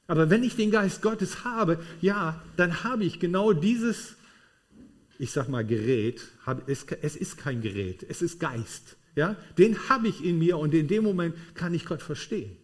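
Emphatic German-speaking preacher, fairly high voice. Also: male voice, lively intonation, measured pace. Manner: emphatic, addresses congregation with tag questions. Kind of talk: sermon. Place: room with a congregation.

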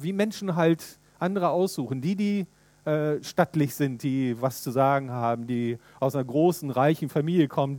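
A man preaching a sermon in a lively way, retelling a story and putting questions to his listeners. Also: fairly high pitch, dry recording.

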